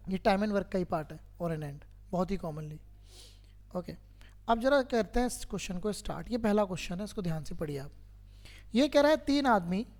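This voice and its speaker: A man teaching a math lesson to a class, who keeps quizzing his students and patiently repeats each step. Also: sits high.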